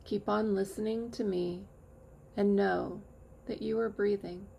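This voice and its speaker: A woman teacher leading a guided meditation with calm, measured instructions and long pauses. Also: mid-range voice, gravelly, lo-fi sound, slight background noise. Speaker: yoga nidra teacher.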